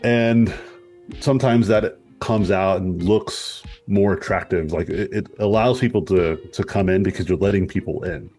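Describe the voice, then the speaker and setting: Man, lowish voice, rambling and reflective, casual swearing, faint music underneath. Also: moderate pace, a little mellow. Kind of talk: casual group discussion.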